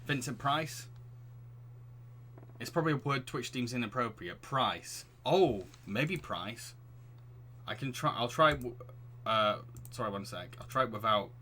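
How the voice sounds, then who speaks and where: A man's voice: medium pitch, expressive, a little slow, long pauses, pushed and bright, a little hiss or hum. A man streaming a game, chatting restlessly with his viewers, laughing often and reading the story aloud.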